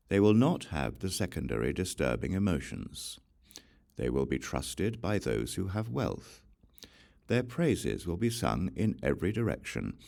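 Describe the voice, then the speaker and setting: An audiobook reader with an exceptionally deep, gravelly voice delivers scripture slowly and solemnly. Even so, his pitch lifts and drops expressively within every phrase.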